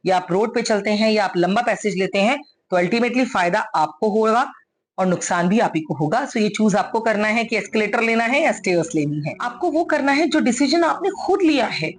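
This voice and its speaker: A woman's voice: medium pitch, animated, normal speed. A woman giving an earnest, coaxing motivational talk, mixing English phrases into her speech. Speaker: motivational speaker.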